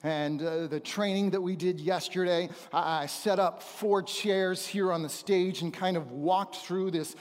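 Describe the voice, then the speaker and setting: In a reverberant church auditorium, a middle-aged visiting preacher and missionary trainer speaks from the stage, giving his testimony to the congregation as a sermon. His voice sits high with fairly even intonation, and he talks in a halting, conversational manner, pausing for emphasis.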